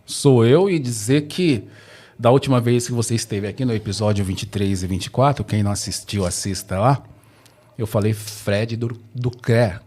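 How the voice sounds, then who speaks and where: A man hosting a mountaineering podcast, introducing and thanking his guest in a deliberate, grateful way. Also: on the low side, darkish tone. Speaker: podcast host. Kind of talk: podcast interview, read-out introduction.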